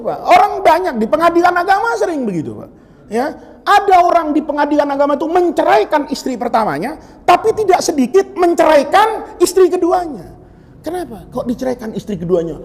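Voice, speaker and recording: Preacher, animated and joking, big reverberant mosque hall. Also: male voice, high-pitched. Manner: joking, storytelling, acts out quotes. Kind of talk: humorous mosque sermon.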